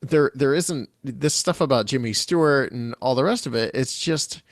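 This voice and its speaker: A man's voice: medium pitch, normal speed, no echo, studio quality. A man co-hosting a podcast, chatting casually and skeptically, often restarting his sentences. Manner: hesitant, many restarts, skeptical. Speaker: podcast co-host. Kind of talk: casual chat.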